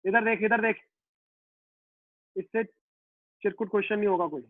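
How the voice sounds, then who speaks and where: A man leads a live online physics class, coaxing his students and playing both teacher and student in a quick back-and-forth. His voice sits high. The sound is dry and narrow, as if coming down a phone line. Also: steady tone, dry recording.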